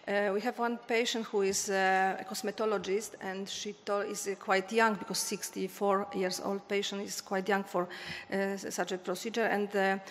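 A woman at a conference podium answering questions hesitantly, with many pauses and fillers. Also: mid-range voice, little pitch movement. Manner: hesitant, many fillers, non-native phrasing. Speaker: eye surgeon speaker. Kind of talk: panel discussion answers. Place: large conference hall stage at a podium. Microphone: podium microphone. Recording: long hall reverb, faint noise.

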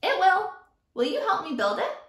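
A little boy, quietly brave, counters every threat with a fanciful plan, voiced by a woman reading aloud. The tone is high and bright, and the room echoes. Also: normal speed, heavily acted. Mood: hopeful. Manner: calm, imaginative comebacks.

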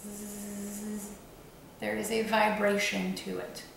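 Woman, meditation guide, slow soothing instructions, gravelly voice, very echoey room. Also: mid-range voice, fairly bright tone, slight background noise. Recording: very echoey room, faint ambience.

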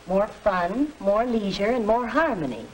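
A woman's voice: medium pitch, animated, unhurried, natural voice. A woman playing an earnest, orderly middle-aged American mother in a 1940s educational film. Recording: noisy vintage film soundtrack.

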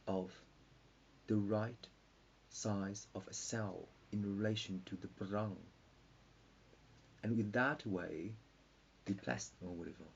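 Tired man, low and gravelly, meandering mock-lecture with whispery dips; lo-fi home recording. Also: warm tone. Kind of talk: rambling pseudo-scientific monologue. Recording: dull lo-fi with faint hiss.

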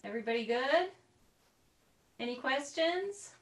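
A woman with a high, expressive voice speaks at a measured pace during a group recorder lesson held over a video call. She explains chattily and adds little asides. With the computer mic at a distance, the recording sounds roomy.

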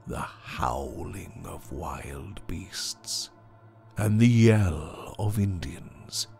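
A man narrating a horror story dramatically and theatrically, dropping at times to hushed whispers. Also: low-pitched, lively intonation, extremely slow, creaky, breathy edge. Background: faint music score.

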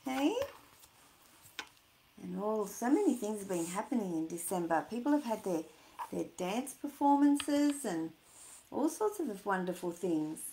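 A mellow, animated woman in her sixties with a medium-pitched voice tells stories to young children at a measured pace, leaving long pauses and asking questions in a sing-song way. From a small room at home, her webcam captures echoey, roomy sound with slight background noise.

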